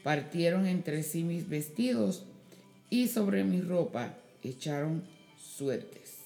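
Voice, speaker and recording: Slow woman reading scripture. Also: lowish voice, animated, creaky, mellow, faint music behind. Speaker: scripture reader. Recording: echoey room.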